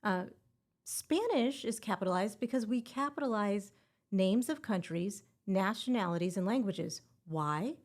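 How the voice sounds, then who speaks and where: A woman's voice: medium pitch, lively intonation, unhurried. Upbeat lady teacher doing a grammar podcast, playful and punny. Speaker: podcast host, exam prep teacher. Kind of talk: scripted educational podcast.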